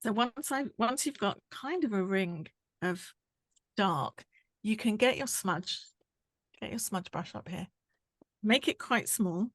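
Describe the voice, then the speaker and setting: A woman, explaining a drawing tutorial step by step while she works, her voice going hoarse. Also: mid-range voice, animated, takes it slowly, a bit bright, no room sound, clean studio sound. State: losing her voice. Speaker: art tutor.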